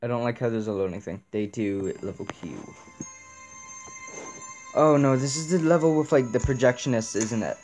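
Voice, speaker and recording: A man's voice: medium pitch, normal speed, pauses often, a little mellow, soft background music. A young man playing a horror game, reacting nervously and swearing as he talks through it. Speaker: gamer.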